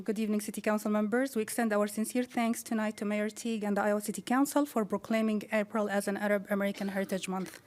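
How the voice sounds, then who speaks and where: A woman reading a prepared statement of thanks to a city council in a formal, measured way. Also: medium pitch. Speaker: community advocate.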